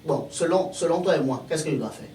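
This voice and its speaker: A man's voice: a little high, a little fast, slight background noise. A man from Togo with a Togolese accent, a guest explaining ideas through everyday examples in a casual talk. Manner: animated, explains with worked examples. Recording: echoey room, far from mic.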